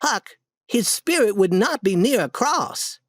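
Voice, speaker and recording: A storybook reader voicing an eager, bold boy adventurer in a raised, excited voice. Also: medium pitch, unhurried, dry recording, clean studio sound, pitched above the performer's own voice. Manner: excited, insistent.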